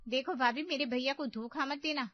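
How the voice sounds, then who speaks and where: A woman's voice: high-pitched, normal speed, muffled recording, pitched above the performer's own voice, close to an everyday voice. A woman voicing a spoiled, meddling young daughter in a cartoon story, sly and taunting.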